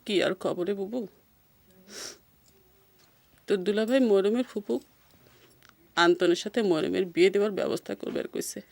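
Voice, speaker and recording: An actress playing a sorrowful elder housewife in a TV drama. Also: female voice, mid-range voice, moderate pace, gravelly, pauses often, darkish tone, dry recording, natural voice. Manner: sorrowful, tearful. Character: grieving elder housewife, tearful. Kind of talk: television drama acting.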